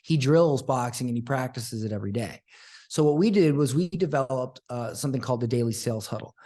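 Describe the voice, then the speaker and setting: A man's voice: mid-range voice, fairly quick, warm tone. Male guest, sales coach, earnest and repetitive, middle-range voice, casual delivery. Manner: earnest, repeats points for emphasis. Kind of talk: casual interview talk.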